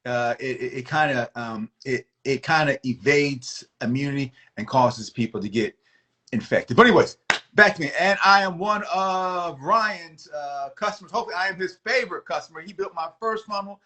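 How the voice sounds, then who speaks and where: A man talks on a video call in a fairly high, bright, ringing voice. He chats as an emergency doctor being interviewed, friendly and animated, laughing often and stumbling into quick restarts. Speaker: emergency medicine doctor, guest. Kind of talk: casual interview chat.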